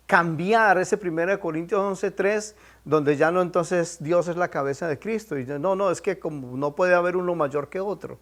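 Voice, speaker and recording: A man's voice: fairly high pitch, darkish tone. A man teaching a Bible class, stressing his points by repeating them and prompting listeners with questions. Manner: emphatic, repeats key points.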